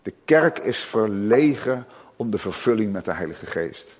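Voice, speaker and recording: Male preacher, husky, impassioned sermon delivery, long reverb of a church hall. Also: expressive, unhurried. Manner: impassioned, swells loud and high on emphasis.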